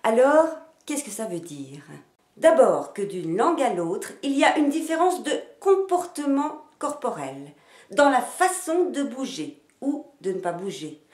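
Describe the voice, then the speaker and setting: A woman teaching phonetics in a slow, deliberate scripted narration, demonstrating intonation and stress with varied emphasis. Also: on the high side, darkish tone. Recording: roomy echo.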